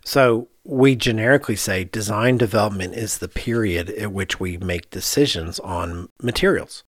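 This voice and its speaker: With a fairly low pitch and normal speed, a man co-hosts a podcast, casually explaining ideas and often reasoning aloud; he's an architect. There's no echo on the recording.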